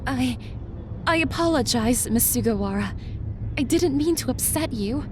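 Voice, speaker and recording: An actress playing an anxious, proper, well-off wife in a noir audio drama, speaking earnestly and formally. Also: female voice, high-pitched, lively intonation, normal speed. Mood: apologetic, careful. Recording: clearly noisy background ambience.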